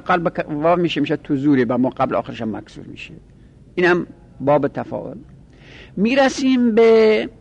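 A man teaching a lesson, working through each rule step by step and repeating it. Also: fairly high pitch. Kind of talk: lecturing on Arabic grammar.

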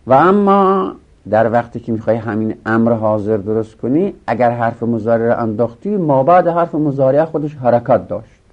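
A man teaching Arabic grammar in a lecture, explaining each rule step by step and answering his own questions. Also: mid-range voice. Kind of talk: classroom lecture. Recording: dull lo-fi recording.

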